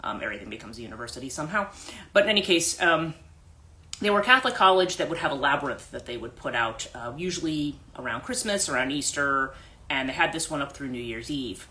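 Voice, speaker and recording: A woman's voice: extremely low pitch, expressive, fast talker, pushed and bright. A middle-aged woman life coach telling a personal story on a morning phone livestream, rambling with many fillers and restarts.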